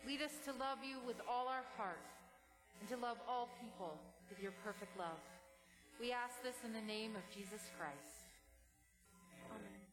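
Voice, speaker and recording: A woman priest recites a liturgical prayer in a measured, solemn way. Her fairly high voice rings out with a cathedral echo in a large, reverberant church. Music plays behind her. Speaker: priest leading the Eucharistic prayer. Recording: echoey church hall with music.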